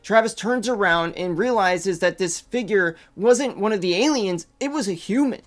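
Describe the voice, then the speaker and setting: A man's voice: high-pitched, moderate pace. Casual young man retelling a story. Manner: conversational, loose phrasing with fillers like "like" and "kinda". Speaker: narrator.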